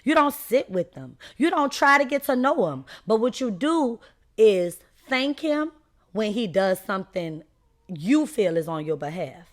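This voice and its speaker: A woman's voice: medium pitch, sing-song, measured pace. Emphatic woman hosting a faith podcast. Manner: emphatic, preachy, addresses listeners directly as y'all. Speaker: podcast host. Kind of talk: unscripted faith podcast monologue.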